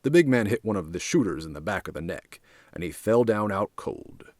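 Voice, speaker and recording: A man narrating a dark crime story, with a low voice that still moves a lot in pitch. The reading is dry and close to the mic. He tells it expressively. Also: moderate pace, no room sound. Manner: expressive, does many voices.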